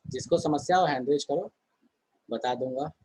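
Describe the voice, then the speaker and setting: A man's voice: a little high, moderate pace, a little mellow, breathy edge, poor audio. A man teaching a chemistry class online in a conversational way, often asking the students questions and answering them himself.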